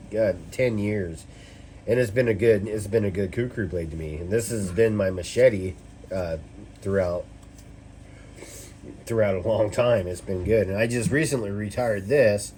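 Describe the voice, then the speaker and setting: Tipsy, rambling low-voiced man reviewing gear. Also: a little mellow. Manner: tipsy, loose and rambling, as if drinking; casually profane. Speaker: knife reviewer. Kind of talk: casual rambling product review chat. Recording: noticeable background noise with clicks.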